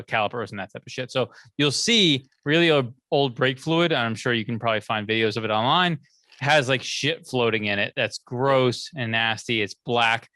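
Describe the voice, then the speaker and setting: Man, middle-aged, casual podcast co-host, rambling, loose, mid-pitched, dry close recording. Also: bright, forceful tone, no echo. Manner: rambling, loose, restarts and self-corrections.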